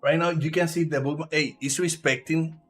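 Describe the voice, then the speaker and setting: A man from Puerto Rico with a Puerto Rican Spanish accent and Spanish as his first language, giving halting live trading commentary while he reads the chart aloud. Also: on the high side, steady tone, a bit bright, faint music behind. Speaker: live trader.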